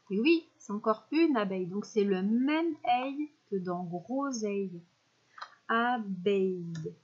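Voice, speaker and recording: Patient woman teacher, slightly husky. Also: on the high side, fairly bright tone, highs cut off. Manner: slow, clear over-articulation of words, patient teacher talk. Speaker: primary school teacher. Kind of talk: recorded spelling dictation lesson.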